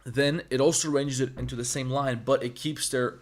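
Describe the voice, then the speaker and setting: On a livestream, a 3D artist teaches 3D modeling while chatting with viewers, rambling bluntly and swearing freely. He has a Balkan accent and speaks Serbo-Croatian natively, and his mid-range voice is steady and fairly quick.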